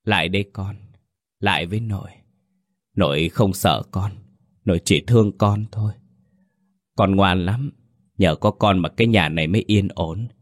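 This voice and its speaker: Guy doing a frail old grandpa, low voice, soft and pleading, dry, faint music. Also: moderate pace, pauses often, dry recording, natural voice. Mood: tender. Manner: pleading, tender and soothing.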